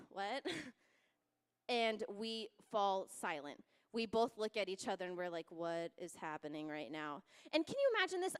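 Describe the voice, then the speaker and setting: A young woman telling a funny story at a church youth service, animated and laughing as she acts out voices. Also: fairly high pitch. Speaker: youth speaker. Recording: long hall reverb.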